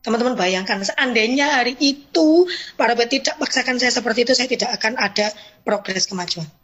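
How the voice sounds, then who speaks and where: Woman giving a pep talk to fellow agents, kinda high voice, keeps talking straight to the crowd. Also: fairly quick, fairly bright tone, dull audio. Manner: chatty, addresses audience often. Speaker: insurance agent. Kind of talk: motivational testimony to colleagues.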